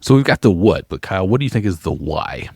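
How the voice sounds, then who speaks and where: A man's voice: deep voice, very animated, fast talker, vocal fry, darkish tone, slightly rough, dry recording. A man hosting a podcast, asking questions in a playful, joking manner. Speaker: podcast host. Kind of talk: podcast interview.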